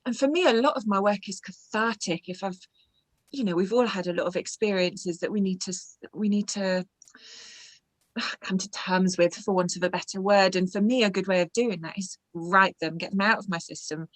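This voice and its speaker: A woman's voice: medium pitch, moderate pace, no room sound, low-quality recording. A woman from Ireland, an audiobook narrator, chatting playfully as a guest on a video call and laughing often. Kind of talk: casual interview chat.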